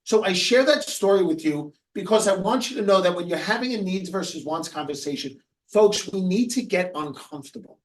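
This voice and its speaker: A man with a high voice coaches agents on a webinar, telling stories earnestly. His voice sits a little back from the mic. He drops soft and low when a story turns sad. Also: expressive, brisk, reverberant, distant mic. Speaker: real estate coach. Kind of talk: webinar presentation.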